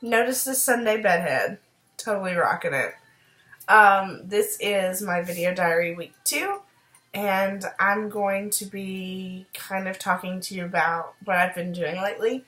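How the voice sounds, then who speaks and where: A woman chatting upbeat in a casual video diary, fighting off a cold and clearing her throat now and then, with frequent ums. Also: medium pitch, a little slow, a bit bright. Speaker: video diarist. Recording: roomy echo.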